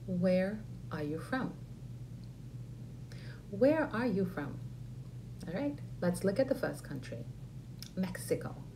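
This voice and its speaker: A woman teaching an English lesson, saying model phrases slowly and clearly for learners to repeat. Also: mid-range voice, very animated, dark tone, slight background noise, low-quality recording. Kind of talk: ESL lesson with repeat-after-me drills.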